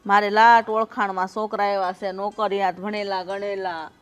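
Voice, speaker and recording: A woman's voice: mid-range voice, level tone, moderate pace, clear, resonant tone, lightly acted. A woman playing a controlling older mother who scolds and commands her son. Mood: domineering. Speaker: domineering mother. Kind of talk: Gujarati film drama.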